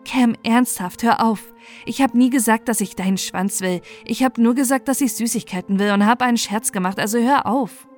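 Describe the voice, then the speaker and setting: A woman's voice: fairly high pitch, moderate pace, close to an everyday voice. A frightened but defiant eighteen-year-old girl who pushes back in a slightly raised voice, read out by a woman. Her lines sound like a chat log read aloud over faint music. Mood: pleading.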